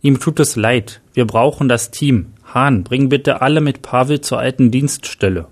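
A man's voice: medium pitch, normal speed, natural voice. A man voicing a grieving male team leader, shaken but determined, who speaks urgently with emotional outbursts.

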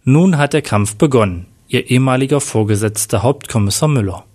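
A man's voice: medium pitch, lively intonation, a little fast, darkish tone, natural voice. A man voicing a worried former police superintendent leaving an urgent voicemail warning. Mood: grave.

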